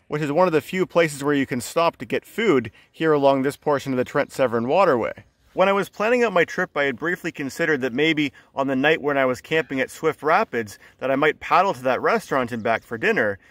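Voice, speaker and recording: Man narrating a calm river canoe trip. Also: a little high, dry recording. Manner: calm, informative, tour-guide-like. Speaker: solo canoe vlogger. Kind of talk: casual travel narration. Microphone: phone camera at arm's length.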